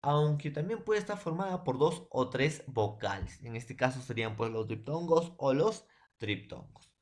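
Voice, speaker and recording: A man's voice: mid-range voice, animated, normal speed. A man from Peru teaching a secondary school language class, explaining patiently and repeating his points, with frequent tag questions and fillers. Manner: repetitive, fills every phrase with tag questions and addresses. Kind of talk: recorded online class lecture.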